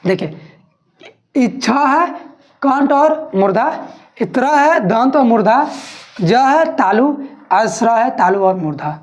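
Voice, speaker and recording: Female teacher, higher pitch, repetitive question-and-answer exam-prep delivery. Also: expressive, slow pace, pauses often. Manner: asks questions and answers them herself, repeating each point.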